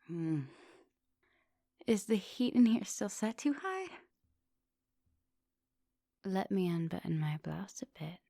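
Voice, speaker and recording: In a heavily acted, intimate ASMR scene, a woman plays an ancient vampire English professor who is gently dominant, affectionate and teasing, occasionally slipping into breathy whispers. Her medium-pitched voice is sing-song, slow and often paused, flirtatious in mood, captured with studio quality and no echo.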